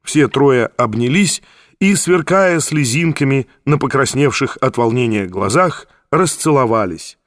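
A man reading a humorous story aloud in a measured, expressive way. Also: mid-range voice, dry recording, studio quality. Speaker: narrator.

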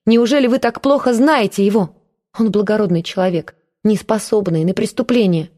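A woman voicing a young woman defending someone loudly and fervently in an audiobook. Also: mid-range voice, normal speed, voice pushed up, lightly acted. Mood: indignant. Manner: loud, fervent. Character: young woman, fierce and defiant.

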